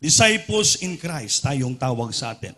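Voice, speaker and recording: At an overnight prayer meeting, a Filipino man preaches a sermon in a mix of Tagalog and English, his mid-range voice sing-song and unhurried. He leads fervent call-and-response with the congregation, calling out for replies and shouting at the peaks.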